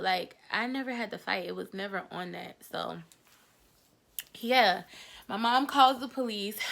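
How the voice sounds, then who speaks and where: Bright-voiced young woman telling a story. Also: mid-range voice, creaky. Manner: chatty, animated, slangy storytelling. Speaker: vlogger. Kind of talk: storytime vlog.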